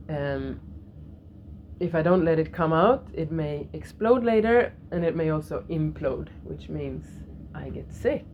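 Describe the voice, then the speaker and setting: A middle-aged woman teaching a yoga lesson in a gentle way, repeating key phrases and laughing softly now and then. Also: sits low, highs cut off, a little hiss or hum. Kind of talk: spiritual lesson to a class.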